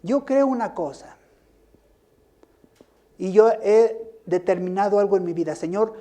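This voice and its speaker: A man's voice: high voice, lively intonation, unhurried, warm tone. A male pastor gives a sermon. He asks rhetorical questions and rises into emphatic bursts.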